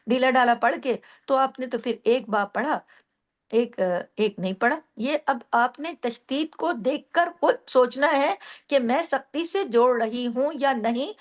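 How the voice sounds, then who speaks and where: A woman teacher giving a recitation lesson. She explains each rule patiently, then models the words slowly and carefully. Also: fairly high pitch. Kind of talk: slow step-by-step recitation lesson.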